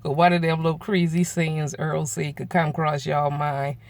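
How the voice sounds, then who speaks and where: A man, telling a story to his viewers in a casual, animated way and acting out the voices of people he quotes. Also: a little high, moderate pace. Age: 40s. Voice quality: gravelly. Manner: animated, acts out quoted voices, laughs often. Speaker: vlogger.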